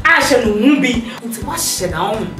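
A boastful, domineering Ghanaian boss lady in a comedy series. The voice is high and very animated, full of exclamations. It is picked up from a distance in a roomy space. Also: normal speed. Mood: indignant. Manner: showy, exclamatory, mixing pidgin and local phrases. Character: boastful, bossy young woman boss, showy and domineering. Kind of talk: improvised comedy drama dialogue. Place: large furnished living room indoors. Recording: roomy, distant mic, loud music behind.

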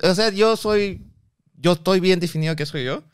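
A man's voice: high voice, normal speed, clear, resonant tone, no echo, clean studio sound. A man in his thirties with a Peruvian accent, chatting as a podcast guest, telling stories in slangy talk and acting out the other voices in them. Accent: Peruvian Spanish. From Peru. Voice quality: animated storyteller, acts out dialogue, slangy. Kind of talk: casual chat.

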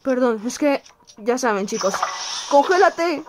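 A woman's voice: on the high side, expressive, a little slow, background noise. A woman hosting a let's-play video, nervous, exclaiming and apologizing to her viewers as she plays. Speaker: gameplay video host.

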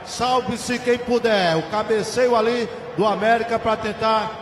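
A Brazilian man calls football play-by-play in a high-pitched voice, excitable and colloquial, leaning on stock phrases. The sound is echoey and noisy, as from a live stadium stand. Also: unhurried. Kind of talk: Brazilian football radio narration. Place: open stadium press stand. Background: stadium crowd ambience.

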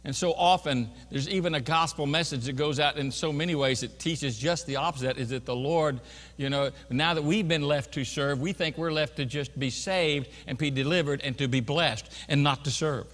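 A man's voice: on the high side, normal speed, fairly bright tone. Emphatic male preacher in echoey church. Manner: earnest, emphatic preaching with many restarts. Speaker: pastor. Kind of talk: sermon. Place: church sanctuary.

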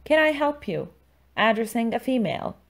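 A woman's voice: a little high, very animated, moderate pace. Woman teacher narrating a scripted lesson. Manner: instructional, enunciates words and repeats them. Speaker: language teacher, channel host.

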